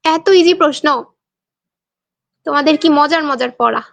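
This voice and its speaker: A woman's voice: high-pitched, moderate pace, vocal fry, no room sound, highs cut off. A young woman from Bangladesh teaching an online exam-prep class, quizzing students and reading their answers aloud with a playful, teasing manner.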